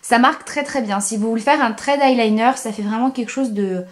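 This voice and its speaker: A young woman with a slightly high voice walks viewers through her eye makeup step by step. She gets enthusiastic, repeats words for emphasis, and fills pauses with hesitations as she works. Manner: frequent hesitations with "euh". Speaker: beauty vlogger. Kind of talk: makeup tutorial.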